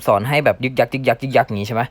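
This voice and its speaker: A man's voice: medium pitch, fairly even intonation, rapid-fire, a bit bright, dry recording. A man casually explaining a mobile game move by move, chatty, calling out taps with sound words and swearing at his own slips. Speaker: game tutorial host. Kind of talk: casual gameplay tutorial. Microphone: phone mic.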